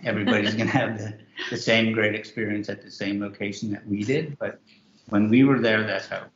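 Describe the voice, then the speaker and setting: A man who co-wrote a book talks loosely in a virtual author interview, restarting often. His lowish voice holds a steady tone at a brisk pace. It comes through a video call microphone, sounding roomy and muffled.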